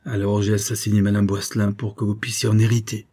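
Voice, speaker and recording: Man reading as a guilt-ridden assistant confessing a killing, fervent and pleading, low husky voice rising with feeling, from an audiobook. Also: flat delivery, fast talker, warm tone, lightly acted.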